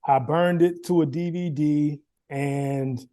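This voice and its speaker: A man casually telling his story in conversation, animated and acting out the voices of people he talks about. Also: on the high side, slow pace. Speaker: guest, former quarterback.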